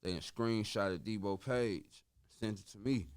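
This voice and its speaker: A man's voice: on the low side, unhurried, clean tone. A man guesting on a podcast, telling a long story in a casual, profane, slang-heavy way and acting out the voices of the people in it. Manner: animated, profane, slangy, acts out quoted voices.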